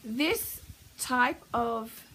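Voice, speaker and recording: A woman parenting coach answering a viewer's question, explaining calmly and warmly. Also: on the high side, very slow, heavy background noise. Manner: calm, warm explanatory advice.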